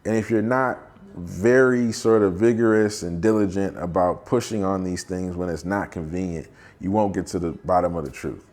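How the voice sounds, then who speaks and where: This American man is a due diligence advisor who provides quality of earnings work, and he explains a case to camera in an emphatic, colloquial storytelling style, acting out bits of dialogue. His voice is low and a little mellow, with fairly even intonation at a moderate pace.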